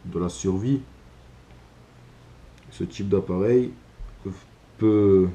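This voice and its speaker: A man presents an informal video monologue. His voice is low and very dark, with a soft-edged, mellow tone. He phrases things haltingly, as if working out each thought as he explains it. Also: slight background noise. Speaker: video creator presenting survival gear.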